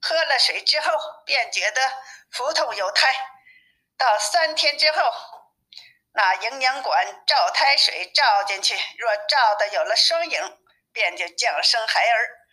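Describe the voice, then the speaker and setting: A woman's voice: on the high side, expressive, a little slow, pushed and bright, poor audio. A woman voicing a talkative old village woman who explains things at length in a storybook reading. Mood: explaining.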